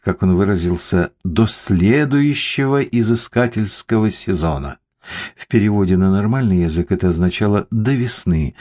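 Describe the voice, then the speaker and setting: A man with a low voice reads a first-person crime story aloud. His narration is wry and dry, with a steady storytelling pace. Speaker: audiobook narrator.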